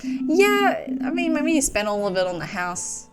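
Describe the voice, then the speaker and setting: A woman's voice: high-pitched, sing-song, unhurried. A young woman co-hosting a let's-play, chatting and giggling as she plays and reads the game's text aloud. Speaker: co-host playing a game. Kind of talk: casual let's-play chat.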